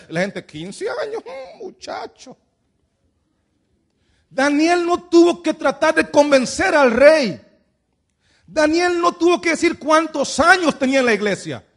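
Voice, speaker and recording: Pastor, male, high voice, sermon delivery built on rhetorical questions. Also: fairly bright tone. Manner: preaching with many rhetorical questions.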